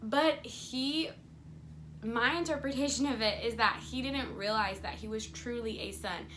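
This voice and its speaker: A woman's voice: a little high, normal speed, sharp tone, slight background noise. A young woman talking earnestly to camera about her faith, chatty and casual, acting out little quoted voices as she goes. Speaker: faith vlogger. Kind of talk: casual devotional talk to camera.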